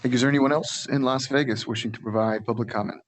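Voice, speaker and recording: Quick-talking staff man calling public comment, businesslike meeting procedure. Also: medium pitch, fairly even intonation. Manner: brisk, businesslike.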